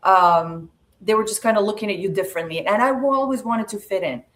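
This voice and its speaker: A Serbian woman in her forties, with a mid-range voice, appears as a podcast guest in a personal storytelling interview. She recounts her life story in a measured, reflective way, pausing frequently.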